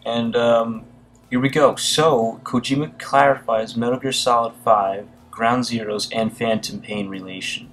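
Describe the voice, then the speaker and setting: A man's voice: mid-range voice, steady tone, measured pace, a bit bright, poor audio. A man casually narrating gaming news and reading articles aloud, hesitating often with fillers and restarts. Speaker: gaming video commentator.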